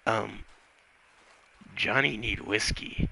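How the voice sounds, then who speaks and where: A man's voice: on the low side, extremely slow, full character voice. A man voicing a whiskey-craving undead cowboy who talks about himself in broken third-person speech during game role-play. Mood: desperate. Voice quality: gravelly. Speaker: streamer. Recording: loud game noise behind.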